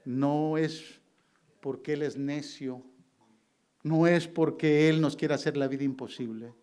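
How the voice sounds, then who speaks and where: A man's voice: a little high, fairly even intonation, measured pace, darkish tone, clean tone. A male pastor preaching a sermon, telling a personal story and acting out his dialogue with God.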